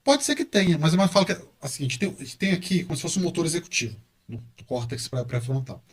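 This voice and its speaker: A middle-aged man with a Brazilian Portuguese accent speaks as a professor guest on a casual podcast. His voice sits slightly high for a man. He talks with animation and repeats words to stress a point. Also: expressive, quick pace. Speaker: guest, university professor and engineer.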